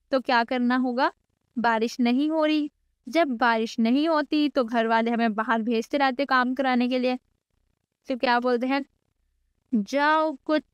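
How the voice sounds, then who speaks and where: A woman's voice: sits high, clean tone, no room sound, muffled recording. A woman teaching a coding lecture in a chatty way, mixing English code terms into Hindi and adding teasing asides to her students. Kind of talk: casual screen-recorded coding lecture.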